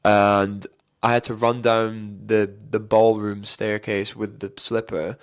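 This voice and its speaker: A man with a mild Scottish accent casually telling anecdotes as a theatre performer in a rambling, animated way. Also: lowish voice, takes it slowly, smooth. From Scotland. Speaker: musical theatre and panto performer, guest.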